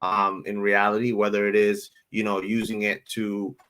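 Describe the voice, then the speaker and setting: Relaxed man in his thirties, guest advisor. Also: on the low side, normal speed, smooth, poor audio. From Dominican Republic. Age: 30s. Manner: relaxed, repeats words while thinking, asks rhetorical "right?". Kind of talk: casual interview talk.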